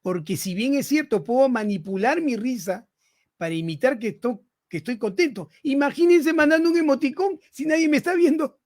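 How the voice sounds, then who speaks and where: A man's voice: extremely high pitch, normal speed, a little mellow. A man in his sixties, a physician giving a lecture-style podcast talk, often turning to his listeners with rhetorical questions. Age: 60s. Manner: rhetorical, keeps asking listeners "¿no?".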